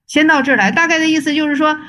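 High-voiced woman teaching Chan texts. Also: fairly bright tone. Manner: reads classical text slowly, then explains in chatty speech. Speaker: Buddhist teacher.

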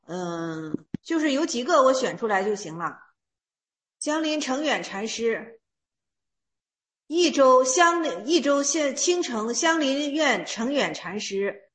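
A woman with a high voice teaches a class on old Buddhist texts. She reads each passage slowly before retelling it in everyday words. Her talk is full of repetitions and small fillers. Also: fairly bright tone.

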